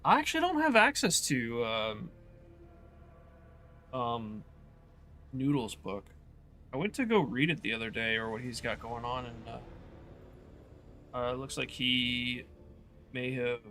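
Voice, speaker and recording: A man's voice: mid-range voice, sing-song, unhurried, long pauses, pushed and bright, faint music behind. A man streaming a video game, chatting casually and thinking aloud in a rambling way with lots of fillers. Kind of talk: casual gaming stream chat.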